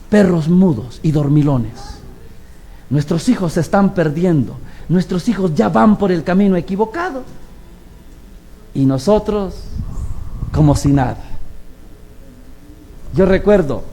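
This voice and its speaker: Male lay preacher, animated storyteller, high and swooping delivery, acts out quotes, asks the room rhetorical questions. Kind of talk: sermon.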